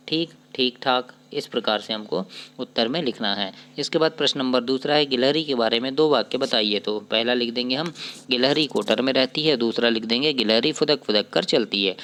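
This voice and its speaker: A man's voice: medium pitch, fairly bright tone. A male teacher going through a children's workbook, asking questions and answering them himself. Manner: explains step by step, asks and answers his own questions; reads poem lines slowly. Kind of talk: workbook lesson walkthrough.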